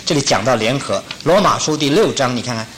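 A man's voice: mid-range voice, fast talker, slight background noise, low-quality recording. A man preaching a sermon, repeating phrases for emphasis and telling stories with animation. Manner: animated storyteller. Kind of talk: sermon with storytelling.

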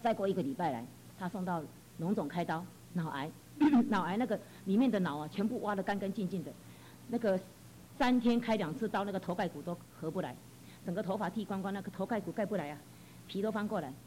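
A woman's voice: mid-range voice, lively intonation, quick pace, warm tone, a little hiss or hum, low-quality recording. A woman giving a fervent personal testimony, telling her story with frequent exclamations.

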